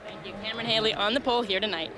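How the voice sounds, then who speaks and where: A woman's voice: medium pitch, steady tone, racing, a crowd in the background. A woman working as a motorsport pit reporter, delivering presentational broadcast reports and questions. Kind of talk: scripted broadcast reporting and interviewing. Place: outdoors at a racetrack. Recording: noisy outdoor trackside sound.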